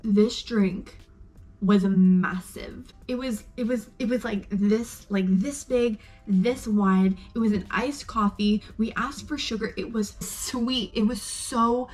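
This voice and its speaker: A woman's voice: mid-range voice, takes it slowly, darkish tone, faint music behind. A young woman from Arizona, a vlogger chatting casually and gushing, with lots of "like" fillers. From Arizona, USA. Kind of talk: casual chat.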